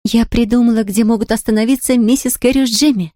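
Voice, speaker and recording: A woman reading aloud, voicing an eager, chatty young girl who talks in quick exclamations. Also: medium pitch, darkish tone, dry recording, clean studio sound, lightly acted. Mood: excited. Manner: breathless, rapid, exclamatory.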